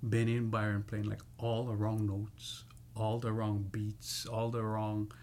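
A man telling stories in a casual chat, laughing often and animated when he acts out quotes. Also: fairly low pitch, unhurried, a little hiss or hum. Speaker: musician guest.

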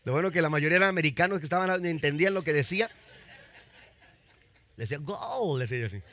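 High bright preaching pastor, dry sound. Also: male voice, fast talker. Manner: preaching with rising fervor, many fillers and restarts. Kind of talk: sermon.

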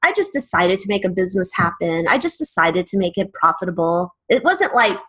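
A woman's voice: fairly low pitch, very animated, a little fast, a bit bright, breathy edge. A middle-aged woman co-hosting a podcast, chatting casually in a blunt, profane, joking way. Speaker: podcast co-host.

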